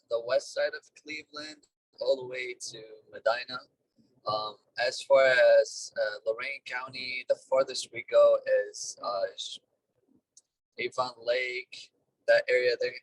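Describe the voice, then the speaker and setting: A man talking over a car speakerphone while driving, a business owner giving plain, halting explanations in a casual interview. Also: mid-range voice, fairly even intonation, slight background noise. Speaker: duct cleaning business owner, guest. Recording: distant car speakerphone call.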